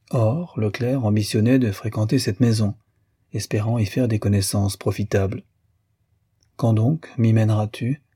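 Male audiobook narrator, measured literary reading, low husky voice. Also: dark tone, dry recording, clean studio sound.

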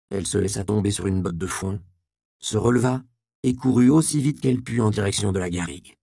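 Gravelly man reading a story. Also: lowish voice, a little mellow, no echo, clean studio sound. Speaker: narrator. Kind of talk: scripted storybook narration.

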